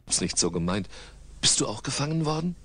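Prim little girl cat squeaking away all outraged, man narrator putting it on, husky audiobook read. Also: sing-song, brisk, a bit bright, no echo, clean studio sound. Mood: indignant. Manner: high, indignant storybook voice. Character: prim young female house cat, easily shocked.

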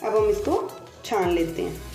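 A woman with a medium-pitched, expressive, warm voice and some vocal fry hosts a cooking channel from her home kitchen. She gives patient step-by-step instructions at an unhurried pace, repeating each step. The recording sounds roomy and distant, with faint music.

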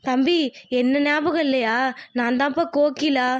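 A woman's voice: high voice, unhurried, no room sound, clean studio sound. A woman voicing a kindly village woman who runs a food stall, motherly and consoling.

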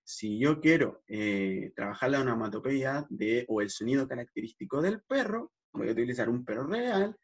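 Gravelly man explaining slowly. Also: mid-range voice, animated. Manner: hyperarticulated, frequent "¿ya?" checks, demonstrates vowel sounds expressively. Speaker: speech therapist. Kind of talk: educational explanation. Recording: dull lo-fi recording.

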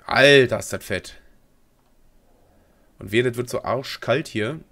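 A young man slowly narrates his own gameplay for a let's play video, his mid-range voice fairly bright. He rambles casually, uses plenty of slang, and mutters to himself as he goes.

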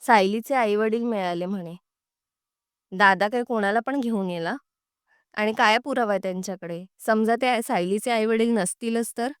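A woman's voice: mid-range voice, normal speed, clear, resonant tone, dry recording, studio quality, lightly acted. Woman reading as a grumbling young husband. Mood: doubtful. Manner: complaining.

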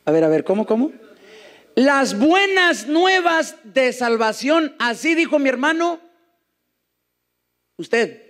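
His voice is very high and very animated, and he takes it slowly with long pauses in a big-room setting. He's a guest preacher and singer on a church stage, joking with the congregation through a handheld mic during sung worship followed by a sermon, while a loud band plays behind the songs.

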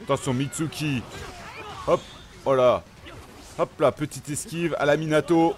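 A man from France, a gaming YouTuber, talking chattily through character setup and gameplay with lots of quick exclamations. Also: on the high side, faint music behind. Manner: excitable, chatty, punctuates action with exclamations. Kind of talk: gameplay commentary.

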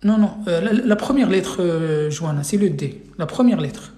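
A man's voice: sits high, expressive, normal speed, warm tone, echoey room. A man teaching an Arabic reading class online, running a live quiz and patiently repeating each question several times for his students.

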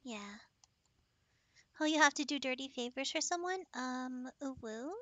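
A woman streaming a video game, chatting casually and playfully with a co-host, with excited gasps. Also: sits high, measured pace, no room sound. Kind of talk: casual gaming stream chat.

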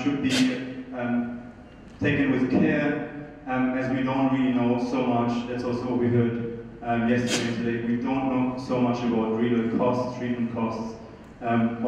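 A man's voice: medium pitch, a little mellow, distant mic. Very echoey man presenting in a hall. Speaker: conference presenter. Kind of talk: technical presentation and answers. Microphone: handheld microphone through hall PA. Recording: muffled, very echoey hall, faint noise.

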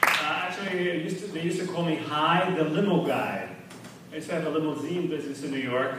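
A man's voice: a little fast, bright, forceful tone. Man telling jokes from far off in an echoey club. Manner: tells joke after joke, jumps up in pitch for the punchlines, laughs at his own jokes. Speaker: stand-up comedian. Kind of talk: open mic joke telling. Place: small club at an open mic night. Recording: echoey room from far off, faint noise.

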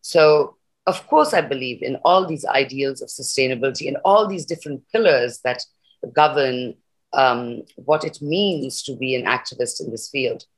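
Speaking at normal speed in an extremely low voice, this middle-aged woman, Nepal-born and India-raised, joins a video call as a guest. She's a sustainability activist, earnest and passionate, talking into a laptop webcam from a room in her home.

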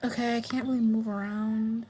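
A young woman streaming a game, reading its dialogue aloud and commenting, stammering and repeating words, with sudden excited bursts. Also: fairly high pitch, normal speed, husky. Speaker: gameplay streamer. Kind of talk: reading visual novel text aloud with commentary.

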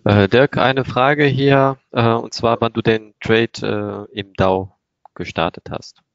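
Slow, gravelly man asking a question. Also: medium pitch, steady tone, no echo, dull audio.

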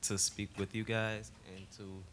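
A man's voice: on the low side, level tone, unhurried, a bit bright, a little hiss or hum. A twenty-year-old man, a student panelist, introducing himself with a handheld mic in a hall. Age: 20s. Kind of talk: self-introduction. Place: large conference hall. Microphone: handheld microphone.

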